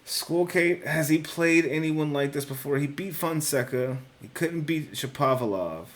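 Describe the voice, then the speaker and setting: This sports picks host is a young man whose voice sits a little high and moves a little slowly. Casual and unscripted, he reasons aloud, backtracks to fix his statements, curses now and then, and calls people bro and dude.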